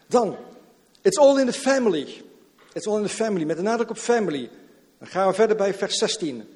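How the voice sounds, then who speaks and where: A man preaching a sermon to his church, lively and repetitive, slipping in English catchphrases. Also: a little high, big-room sound. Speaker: pastor. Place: church hall.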